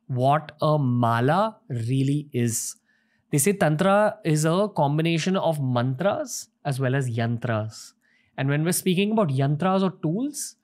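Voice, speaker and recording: A man's voice: a little high, a little mellow. Earnest young male podcast host. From India. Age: young adult. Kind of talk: podcast interview and intro monologue. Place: studio set with shelves, indoors. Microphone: desk-mounted podcast mic.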